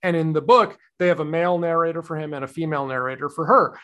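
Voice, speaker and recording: A man co-hosting a podcast, talking casually and thinking aloud. His voice sits a bit high for a man, and he winds through his points with plenty of fillers and restarts. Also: fairly even intonation, fast talker, a bit bright. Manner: rambling, thoughtful, many fillers and restarts. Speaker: podcast co-host. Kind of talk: casual chat.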